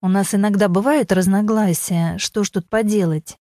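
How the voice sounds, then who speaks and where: A woman's voice: mid-range voice, fairly even intonation, normal speed, mellow, dry recording, studio quality, natural voice. A woman reading the part of a grey-haired older man who grumbles but pleads and apologizes, in an audiobook story. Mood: pleading.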